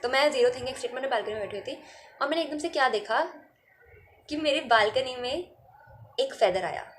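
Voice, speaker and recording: A woman shares a personal story in a relaxed vlog, talking frankly and chattily. Her voice sits a little high, and she keeps dropping in a quick "okay" between thoughts. A faint background hum runs under her voice. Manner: laughs easily while talking. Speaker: spiritual content creator.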